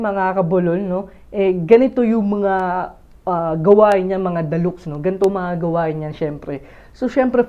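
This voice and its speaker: A man's voice: sits high, warm tone, lo-fi sound. A man vlogging casually, rambling with lots of fillers and restarts while he talks straight to his viewers through an earphone mic. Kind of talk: casual chatty vlog.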